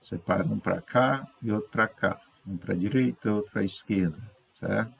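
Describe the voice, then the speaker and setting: A Brazilian man teaching a third-grade class, correcting exercises patiently, sounding words out slowly and checking in with his pupils. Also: fairly low pitch, vocal fry, husky, highs cut off. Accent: Brazilian Portuguese. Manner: slow, stretches out words syllable by syllable.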